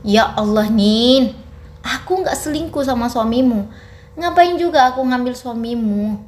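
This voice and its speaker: A woman storyteller voicing a calm female friend who explains herself. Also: a little high, unhurried, lightly acted. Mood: explaining.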